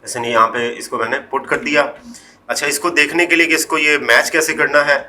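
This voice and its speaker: This Photoshop tutorial, recorded from the screen, features a man whose voice sits on the high side and stays steady in tone. He moves step by step without rushing, mixing English into his Hindi and often trailing off softly, over slight background noise.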